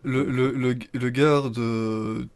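A man running a tabletop game as game master over an online call, playful and quick to laugh. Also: medium pitch, fairly even intonation, darkish tone.

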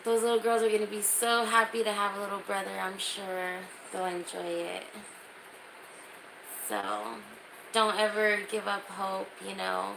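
Background noise runs under this clip of a woman in her thirties livestreaming from a small room, phone at arm's length, casually reading and replying to comments. Her mid-range voice is creaky, and she takes her time.

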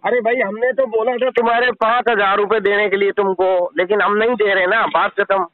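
A man confronting a scammer on a recorded call speaks fairly quickly in a fairly high voice with fairly even intonation. The connection sounds narrow and tinny, and his informal, probing manner keeps pushing the other person to listen to him.

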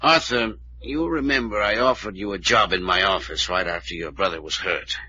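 A stern lawyer on crackly AM radio. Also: male voice, deep voice, moderate pace, bright, forceful tone. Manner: formal, reproving. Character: stern, proper older male lawyer. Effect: old AM radio broadcast sound. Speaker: family attorney. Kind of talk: 1940s radio acting. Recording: muffled old AM radio recording.

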